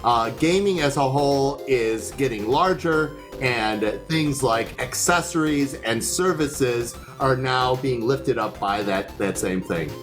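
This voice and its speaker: A man's voice: medium pitch, takes it slowly, few pauses, over music. A man hosting a livestream, chatting casually in a loose, easygoing way, with many fillers and restarts. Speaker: livestream host. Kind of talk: casual chat.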